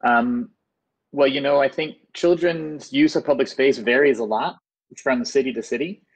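A man from the United States speaks on an online panel through earbuds, from a plain room indoors. His voice has a slightly husky grain and sits at a middle pitch. He talks in a relaxed, conversational way, leaning on "you know" as he goes. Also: moderate pace, poor audio. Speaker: panelist, urban design expert. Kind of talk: webinar talk. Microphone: earbuds on video call.

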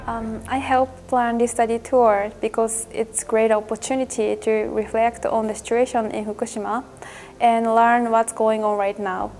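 A young woman in her twenties, a Japanese native speaker, speaking in steady, composed English in a studio interview. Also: a little high, normal speed. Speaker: student tour organizer. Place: indoor studio with grey backdrop. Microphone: lapel mic.

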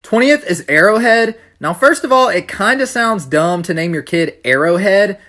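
Bright-voiced young man, dry sarcasm. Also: high-pitched, animated, moderate pace. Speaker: vlogger. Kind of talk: talking-head ranking commentary.

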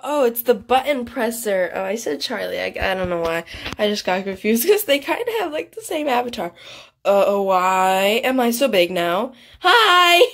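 A young woman casually commenting on a game she is playing, excitable and chatty, often gasping and laughing. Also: fairly high pitch. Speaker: gaming channel host.

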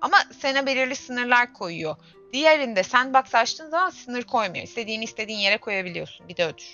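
A young woman with a bright, forceful voice chats through a gameplay livestream, exclaiming and grumbling to herself as she plays. The audio is dull and lo-fi, with faint game music under her voice. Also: fairly high pitch, sing-song, a little fast. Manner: chatty, exclaims and grumbles to herself while playing. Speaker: streamer. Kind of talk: casual gameplay livestream chat.

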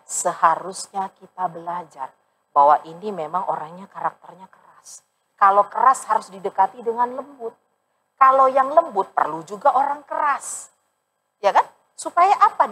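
A woman pastor giving a lively, conversational sermon in a church, speaking straight to the congregation and acting out the voices of the people in her stories. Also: mid-range voice, breathy edge. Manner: animated, acts out quoted voices, addresses congregation directly. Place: church sanctuary.

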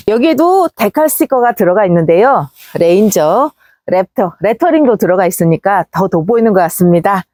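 High, lively female used-car sales pitch. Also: no echo, studio quality. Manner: polished, upbeat sales pitch, like a slick used car seller. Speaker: used car dealer presenting a vehicle. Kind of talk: sales walkaround presentation.

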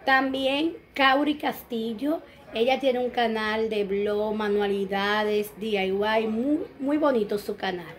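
Dominican lady in her 30s talking to her phone at home, kinda high voice, chatty and blessing everyone. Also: steady tone, slow. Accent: Dominican Spanish. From Dominican Republic. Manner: warm blessings and greetings to viewers, chatty. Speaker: vlogger. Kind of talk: casual vlog chat. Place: small bright room at home, indoors. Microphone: phone camera close up.

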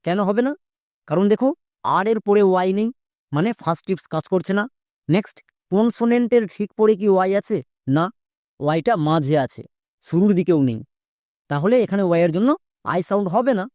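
An English pronunciation teacher giving a spoken spelling lesson, breaking words into sounds step by step and pausing for quick check-in questions. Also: mid-range voice, darkish tone, dry recording, clean studio sound. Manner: repetitive, patient explaining.

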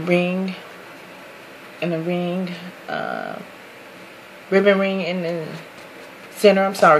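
A woman's voice: lowish voice, a little hiss or hum, rough recording. A woman chatting casually to her viewers while unboxing a handmade craft box, gushing over each detail, apologizing often and calling everyone "guys.". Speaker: craft vlogger.

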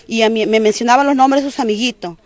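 Fast-talking distressed mother. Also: fairly high pitch, a little mellow. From Peru. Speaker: mother of a pupil. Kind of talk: emotional street interview testimony.

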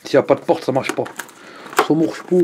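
A man with a fairly high voice talks straight to the camera in a casual home vlog. His delivery is chatty and animated, full of exclamations and side remarks to viewers. A faint hiss sits under the recording. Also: a little fast. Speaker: food reviewer YouTuber.

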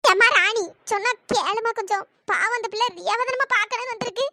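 A performer voicing a gentle, remorseful old grandmother in a cartoon, speaking softly and tearfully. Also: very high voice, fast, heavy background noise. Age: older. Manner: soft-spoken, tearful.

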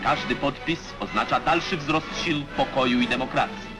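A man's voice: mid-range voice, normal speed. A man giving formal, declamatory narration for an old 1950s newsreel. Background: music.

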